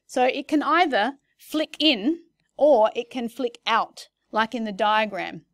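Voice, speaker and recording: A woman's voice: a little high, slow pace, a bit bright, no room sound, studio quality. Chatty woman teaching maths. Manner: chatty, self-correcting, asks the class questions. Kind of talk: classroom lesson. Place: classroom.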